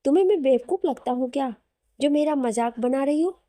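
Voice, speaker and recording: Woman reading a snappy irritable young husband, bossy, mellow tone, dry close sound. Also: sits high, a little fast, dry recording, lightly acted. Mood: angry. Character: arrogant angry young husband, man.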